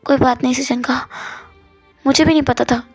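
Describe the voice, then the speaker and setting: A woman's voice: high-pitched, fairly even intonation, moderate pace, a little mellow, husky, soft background music. A woman voicing a timid, delicate young man. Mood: meek.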